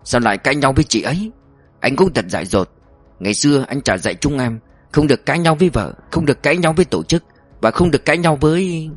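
A man's voice: a little high, lively intonation, fast talker, breathy edge, dry recording, soft background music. Man doing a hearty, joking old prosecutor. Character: jovial older male chief prosecutor, bantering and bold.

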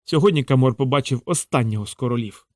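A man's voice: medium pitch, fast talker, darkish tone, dry recording, studio quality, close to an everyday voice. A man voicing a crowing crime lord. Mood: triumphant. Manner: exultant, crowing, theatrical. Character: gloating vengeful male crime lord. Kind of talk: audiobook character reading.

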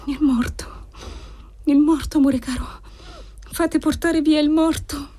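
A woman's voice: high voice, fairly even intonation, measured pace, warm tone, pitched above the performer's own voice. A woman reading aloud who voices a frail, devout young noblewoman, sometimes delirious and sometimes tender. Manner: delirious, crying out, then tender.

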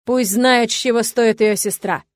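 A cruel middle-aged father hurls sneering insults in a loud, contemptuous voice, as a woman reading the story acts him out. He sounds like a bully who is sure of his power. The reading is dry and close, with no room sound. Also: fairly high pitch, fast talker, no room sound, lightly acted. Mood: raging.

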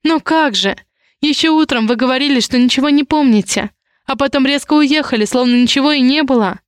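A woman's voice: sits high, fairly quick, smooth, no room sound, studio quality, pitched above the performer's own voice, natural voice. A woman voicing a shy but fiery young heroine in a story, with a flustered, breathless manner. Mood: startled.

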